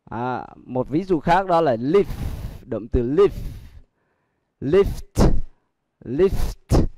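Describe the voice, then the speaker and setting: Slow, repetitive Vietnamese male teacher. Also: medium pitch, animated, dark tone, dry recording. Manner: slow, repeats each example word several times. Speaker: English teacher. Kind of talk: livestream pronunciation lesson.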